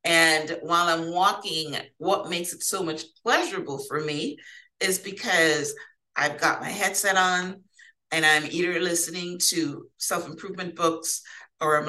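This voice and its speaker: A woman's voice: low voice, steady tone, measured pace, pushed and bright, distant mic, low-quality recording. A woman hosting an informal solo self-help podcast, giving conversational advice as a coach and often checking in with the listener. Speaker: podcast host and life coach.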